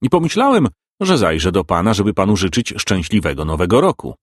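A man's voice: low voice, very animated, a little fast, dry recording, studio quality. A man voicing a friendly, chatty elderly male building caretaker in an audiobook, eager and fussy. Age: older.

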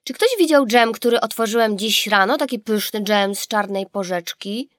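A woman's voice: mid-range voice, normal speed, no room sound, close to an everyday voice. Tired mumbling dad in a storybook, read by a woman, dry close sound. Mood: weary. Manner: mumbling, absent-minded. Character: tired, distracted working father.

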